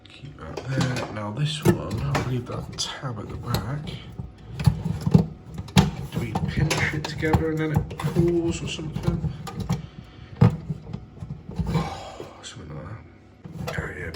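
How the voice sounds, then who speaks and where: A British man who sounds unwell with a runny nose, talking casually and haltingly to himself as he narrates his plumbing work. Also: medium pitch, lively intonation. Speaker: plumber filming his jobs. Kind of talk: casual work vlog, talking through tasks. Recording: noisy, clicks and vehicle sounds.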